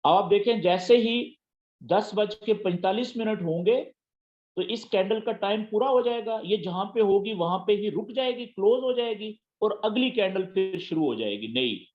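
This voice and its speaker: A man's voice: sits high, lively intonation, moderate pace. Patient male trading tutor, dull audio. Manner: patient, repeats key terms and checks understanding. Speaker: forex trading teacher. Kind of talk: screen-share tutorial.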